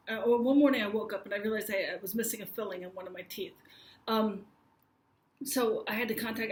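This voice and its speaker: An American woman in her forties casually telling a funny personal story to camera, chatty and laughing as she goes. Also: fairly high pitch. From United States. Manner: chatty, laughs while telling, acts out dialogue.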